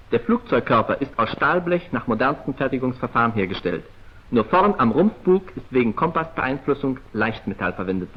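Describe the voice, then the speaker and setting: Heard through a muffled, dull vintage 1940s film soundtrack, a male narrator delivers lines in a formal, precise, clipped, declamatory manner. His voice is mid-range and husky.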